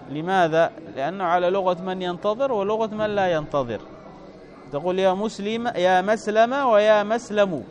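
A man teaching an Arabic grammar lesson, explaining patiently and often asking his students rhetorical questions. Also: a little high. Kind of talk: classroom lesson explaining a text.

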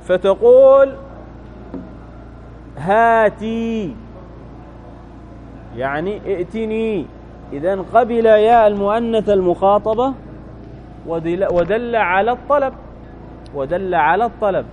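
High-voiced man teaching grammar. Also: lively intonation, normal speed, a little mellow, a little hiss or hum, poor audio. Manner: repeats key phrases and checks in with listeners. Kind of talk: classroom grammar lesson.

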